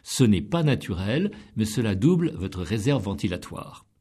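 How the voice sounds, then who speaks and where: A middle-aged man giving scripted instruction on public speaking, deliberate and emphatic as he counts off each point. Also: lowish voice, very animated, dark tone, breathy edge.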